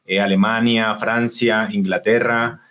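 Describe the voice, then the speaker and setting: This guest on a conversational podcast interview is a marketing specialist from Colombia who grew up in northern Spain. His lowish voice moves at a measured pace, and he's chatty, relaxed, and talkative, often using fillers and restarting sentences.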